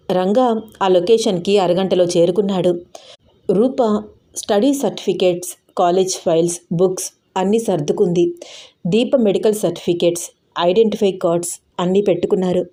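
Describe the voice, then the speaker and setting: A woman narrating a dramatic love story in a steady, measured reading voice. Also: medium pitch.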